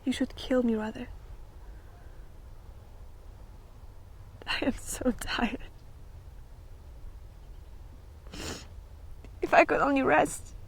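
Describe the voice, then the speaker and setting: A woman playing a weary, fragile yet fervent young actress in a theatrical monologue, with a halting, emotionally wavering delivery. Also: sits high, creaky, breathy edge, heavily acted. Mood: weary, anguished.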